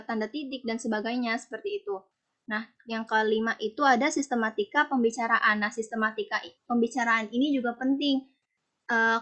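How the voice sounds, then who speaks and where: A woman's voice: on the high side, sharp tone. A young woman giving a class presentation, explaining casually with many fillers and restarts. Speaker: student presenter. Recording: dull lo-fi recording.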